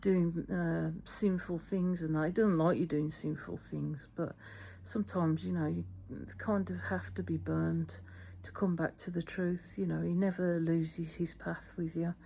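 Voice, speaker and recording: Middle-aged woman vlogger, flat low delivery, loose and filler-heavy. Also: unhurried, gravelly, hardly any pauses, slight background noise. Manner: rambling, many fillers. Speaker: faith vlogger. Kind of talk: casual spoken reflection.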